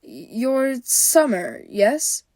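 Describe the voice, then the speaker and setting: A woman reading a female wolf minotaur warrior with a soft, flat, blank delivery. She speaks slowly, and the sound is close and dry. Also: fairly high pitch, no room sound, voice pushed up.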